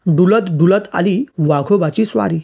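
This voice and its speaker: A woman reading an old school-textbook story for children aloud, in a lilting, expressive storybook manner. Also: fairly low pitch, a little slow, creaky, breathy edge.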